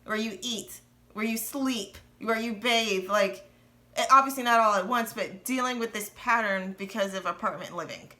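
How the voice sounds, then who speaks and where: This woman, in her thirties and co-hosting a personal finance channel, speaks at normal speed in a bright, forceful, mid-range voice. Her casual talk on money and marriage is earnest and candid, punctuated by nervous laughs.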